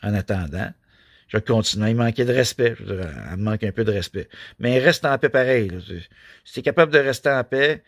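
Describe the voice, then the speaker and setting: A man in his forties with a Québécois accent, rambling through a personal vlog in a flat, robot-like delivery, full of filler tags. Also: mid-range voice, fast talker, dry recording, clean studio sound. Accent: Québécois French. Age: 40s. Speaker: YouTuber.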